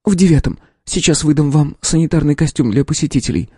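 Young woman lab scientist, tense and earnest, played by a man; mellow, dry audiobook read. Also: on the high side, quick pace, breathy edge, no echo. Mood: subdued.

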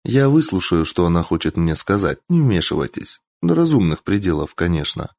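Storybook role: man playing an exasperated young princess, commanding and sharp. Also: low-pitched, big pitch swings, moderate pace, dry recording, full character voice. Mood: composed.

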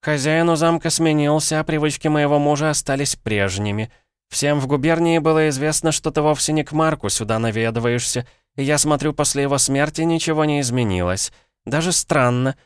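A man's voice: a little high, fairly quick, clean tone, dry recording, clean studio sound, voice pushed up, close to an everyday voice. A man voicing a mocking ghost countess. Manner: mocking, drawling. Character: cold jealous ghost of a dead countess, woman. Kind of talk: audiobook character voice.

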